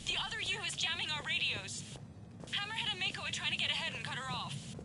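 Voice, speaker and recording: A woman's voice: very high-pitched, big pitch swings, quick pace, echoey room, distant mic, noisy background. A woman voicing a wounded squadmate who urgently calls for help over a jammed radio signal. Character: young woman analyst pinned down, calling for help. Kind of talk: video game voice acting.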